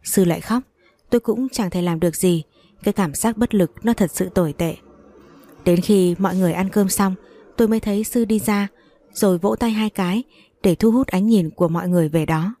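A woman narrating a first-person story in a calm, measured reading voice. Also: medium pitch.

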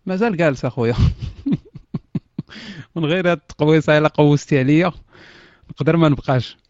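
A man's voice: a little high, a little fast, a little mellow, no echo. A man with a Moroccan accent hosting an online voice chat room, teasing the people he talks to, laughing often and dropping in French words. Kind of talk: casual chat. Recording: dull, dry lo-fi voice chat audio.

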